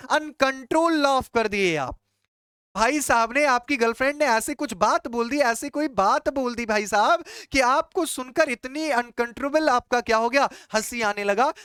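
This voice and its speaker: A young man explains exam idioms to his students in a lively, chatty way. He keeps asking questions aloud and answering them himself, calling listeners brother and child. His voice is smooth and crisp, recorded close and dry. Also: very high voice, dry recording. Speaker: English exam teacher.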